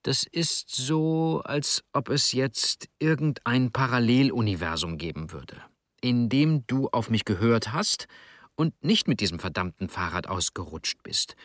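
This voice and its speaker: A man reading the lines of a gruff, remorseful middle-aged man in an audiobook, blunt and pleading. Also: mid-range voice, expressive, a little slow, a bit bright, no room sound, studio quality. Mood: wistful.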